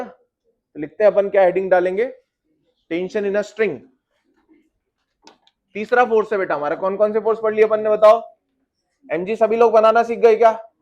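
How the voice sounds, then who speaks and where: High pitched physics teacher guy, keeps quizzing the class, kinda muffled lo-fi audio. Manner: explains with questions to students, addresses them as beta. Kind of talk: classroom lecture.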